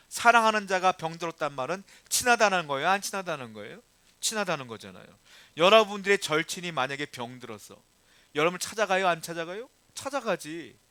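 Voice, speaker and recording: Male pastor, sermon delivery; bright, forceful tone; rhetorical questions, dynamic swings between soft and loud. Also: a little high, no room sound.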